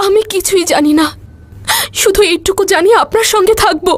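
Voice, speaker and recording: An actress playing a devoted young wife who pleads tearfully, recorded as dubbed dialogue over music. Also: female voice, extremely high pitch, fairly quick, no echo. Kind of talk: dubbed drama acting.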